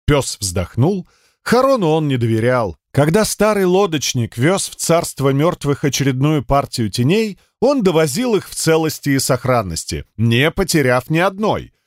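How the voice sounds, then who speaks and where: A man narrates an audiobook with expressive, ironic storytelling. His voice sits a bit high and rises and falls a lot. The studio recording is close and dry. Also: normal speed, dry recording. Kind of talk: scripted narration.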